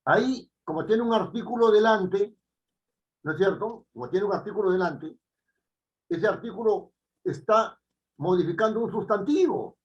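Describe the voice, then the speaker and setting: A man's voice: sits high, moderate pace, lo-fi sound. A man with a Peruvian Spanish accent teaching a writing class, emphatic and full of tag questions. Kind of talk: online writing lesson.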